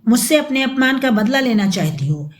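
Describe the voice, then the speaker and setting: A woman doing a shrill, furious young mother. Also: expressive, normal speed. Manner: shrill, hateful shouting. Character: bitter young mother, furious accuser of stepmother.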